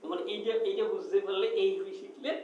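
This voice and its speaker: A woman's voice: mid-range voice, steady tone, fast talker, a little mellow, muffled recording. Woman teacher doing a quran reading drill, asks stuff and the class finishes it, far off mic, super echoey, noisy room. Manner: call-and-response questioning, prompting students to finish phrases. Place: classroom with students.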